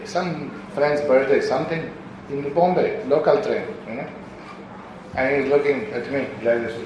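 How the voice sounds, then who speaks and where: A man from Europe giving an informal spiritual question-and-answer talk as a visiting preacher, telling anecdotes, saying "you know" often and acting out the voices he quotes. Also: mid-range voice. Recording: very echoey room with clear background noise.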